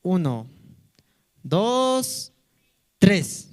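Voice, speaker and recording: A man's voice: sits high, sing-song, very slow, darkish tone. A man teaching a children's church lesson, playfully asking the kids question after question. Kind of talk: Sunday-school lesson for children.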